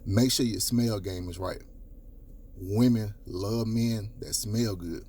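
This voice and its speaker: Deep-voiced man giving blunt dating advice. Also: takes it slowly, warm tone, slight background noise. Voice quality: deep baritone. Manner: coaching, emphatic, repeats points, casual profanity. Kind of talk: direct-to-camera advice talk.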